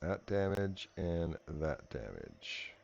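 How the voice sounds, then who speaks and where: A man's voice: low voice, very animated, slow, vocal fry, darkish tone, no echo, highs cut off. A man acting as game master, casually narrating and working through rules in a tabletop game.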